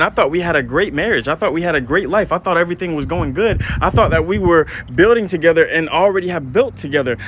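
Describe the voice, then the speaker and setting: A man's voice: high voice, fairly bright tone, slight background noise, rough recording. A middle-aged man telling a painful personal story in an earnest, hurt, plain-spoken way. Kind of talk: personal story told to camera.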